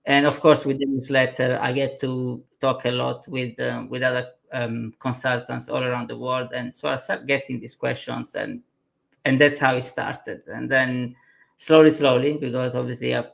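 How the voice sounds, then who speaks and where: Italian-accented male consultant, 40s, gravel in the voice, mid pitch. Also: a bit bright. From southern Italy. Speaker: consultant and author. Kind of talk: guest interview on a live webinar.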